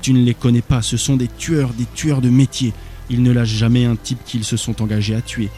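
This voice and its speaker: A man's voice: mid-range voice, little pitch movement, a little fast, dark tone, soft background music, lightly acted. A man voicing a terrified wounded young man who has been clawed and blinded, pleading frantically. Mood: frantic.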